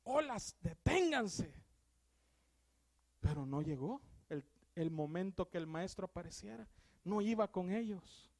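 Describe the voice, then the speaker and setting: High-voiced Salvadoran preacher, fervent and dramatic. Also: male voice, normal speed, vocal fry. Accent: Salvadoran Spanish. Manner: swings from loud exclamations to hushed, earnest tones. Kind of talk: sermon.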